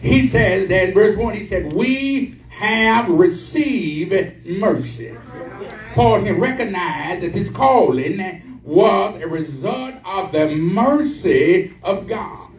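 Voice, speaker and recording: Preaching slowly and expressively, a middle-aged guest preacher builds his sermon in call-and-response fashion, climbing in pitch and fervor as the congregation answers him. The recording comes from the pews of a large, echoey church sanctuary via the pulpit mic, sounding distant amid the congregation's responses.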